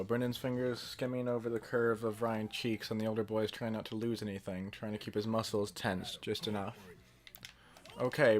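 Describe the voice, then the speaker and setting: A man reading a story aloud deadpan while gaming, with offhand asides. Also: on the low side. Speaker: fan fiction reader.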